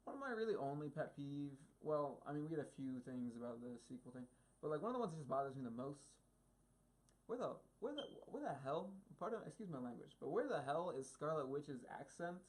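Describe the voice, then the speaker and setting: A man's voice: fairly high pitch, very animated, brisk, low-quality recording. A young man co-hosting a casual film review chat, opinionated and ranting with emphatic asides.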